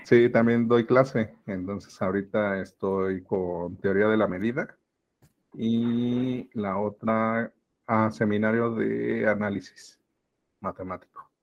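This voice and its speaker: Mexican guest, gravelly low voice, reflective and halting, dull lo-fi sound. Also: male voice, fairly even intonation. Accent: Mexican Spanish. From Mexico City. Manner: reflective, hesitant with fillers. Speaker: podcast guest, business mentor. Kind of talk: casual conversation.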